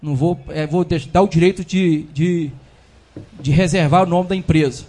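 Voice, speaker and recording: A man's voice: on the high side, steady tone, moderate pace, mellow. A man giving an indignant speech as a city councilman in a council chamber, full of repeated fillers.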